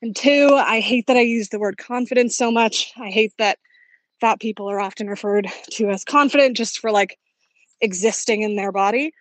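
A woman's voice: a little high, normal speed, no echo, low-quality recording. Woman's voice message from beside a busy road. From Canada. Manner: talking while out walking by a busy road. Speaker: caller leaving a voice message. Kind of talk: casual voice message. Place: outdoors by a road. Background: road noise.

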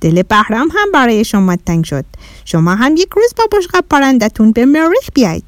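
A woman's voice: on the high side, very animated, no echo, studio quality. A woman voicing a small, friendly Martian boy who talks in broken, childlike grammar in a children's story. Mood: cheerful.

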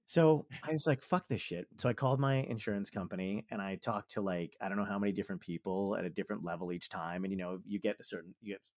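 Profane, animated male comedian storyteller. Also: low-pitched, quick pace, few pauses, no echo, studio quality. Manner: profane, animated storyteller acting out both sides of a phone call. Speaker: comedian and podcast host. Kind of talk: casual storytelling chat.

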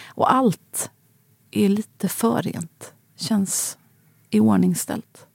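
A woman in her forties narrating a personal story in a quiet, halting, grave way. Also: mid-range voice, creaky, husky, dry recording.

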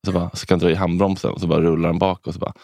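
A man's voice: low-pitched, level tone, gravelly, dark tone, no echo. A man co-hosting a podcast, telling anecdotes in casual chat and acting out quotes. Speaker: podcast co-host.

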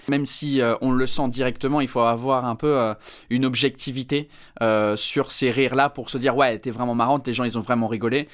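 This stand-up comedian from England, a man in his thirties, speaks French with an English accent while fielding interview questions. His voice is mid-range and fairly bright, and he keeps using fillers and starting over.

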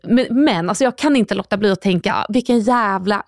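Animated Swedish woman, chatty storyteller. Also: mid-range voice, no echo, studio quality. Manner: animated storyteller, swears casually, acts out others' lines. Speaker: podcast co-host. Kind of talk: casual chat.

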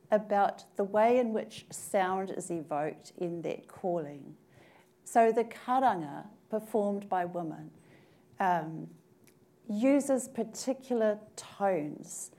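A woman from New Zealand speaking on a panel, thoughtful and measured, pausing often to gather her words. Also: lowish voice, mellow. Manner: thoughtful, measured, with frequent pauses and fillers. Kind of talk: panel discussion. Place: conference room at a table.

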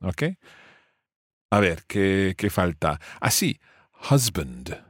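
A man's voice: deep voice, very animated, drawn-out words, dry recording, clean studio sound. A man teaching family words in English, explaining patiently and repeating each word for his student. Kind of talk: language lesson dialogue.

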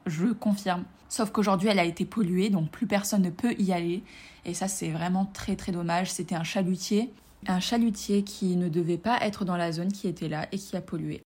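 A woman's voice: medium pitch, mellow. A woman from France hosting a casual personal podcast, chatting enthusiastically and speaking straight to her listeners. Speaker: podcast host and coach.

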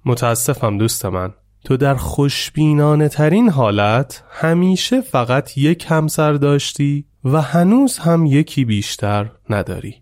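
Man doing a gentle wise old master, calm and smiling, dry close sound. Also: a little high, no echo, natural voice.

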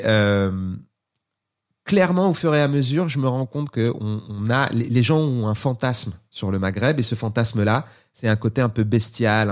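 French guy talking candidly, lots of euh, gets heated, mid voice. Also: mid-range voice. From France. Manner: earnest, hesitant, growing heated. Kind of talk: candid conversation.

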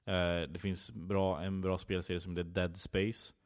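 A man's voice: deep voice, little pitch movement. A man chatting casually as a podcast guest, laid-back and joking, swearing now and then. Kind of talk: casual chat.

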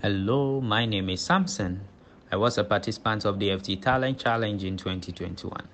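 A young man with a Ghanaian accent reads out a prepared question formally and precisely. His voice is fairly low, with a faint hum of noise behind it. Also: normal speed, fairly bright tone. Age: young adult. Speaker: student asking the guest a question.

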